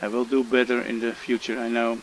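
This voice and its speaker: Talking fairly quickly in a level, mid-range voice, this man from the Netherlands narrates a fishing game tutorial with a Dutch accent. The casual gameplay commentary is full of hesitations and fillers, recorded roughly with slight background noise.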